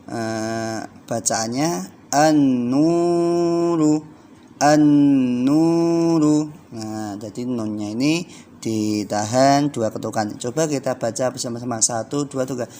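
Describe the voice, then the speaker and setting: A man with a Javanese Indonesian accent gives a recorded lesson to young children, speaking very slowly and patiently. He stretches out the words he recites and counts the class in before they read together. A faint background hiss sits under his voice. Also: mid-range voice, a little mellow. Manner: slow, patient explaining with drawn-out recitation. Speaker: primary school teacher.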